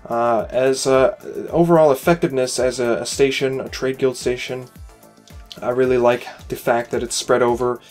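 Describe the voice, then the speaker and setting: Over soft background music, a fatigued game station reviewer with a failing voice gives rambling, casual commentary on a player-created space station, pointing out flaws but staying encouraging and leaning on "uh" and "you know." His voice is medium in pitch and darkish, with fairly even intonation and a moderate pace.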